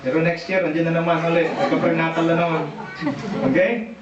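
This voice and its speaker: A man with a Filipino accent preaching a sermon, animated and asking the congregation questions. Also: fairly high pitch, brisk, over a noisy crowd. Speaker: pastor. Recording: echoey church, distant dull mic.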